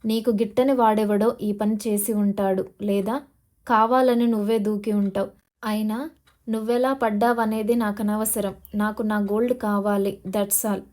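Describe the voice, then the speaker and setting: A woman's voice: medium pitch, steady tone, unhurried, mellow, close to an everyday voice. A woman narrator voicing a menacing male gold smuggler boss, taunting and demanding, in an audio novel. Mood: harsh.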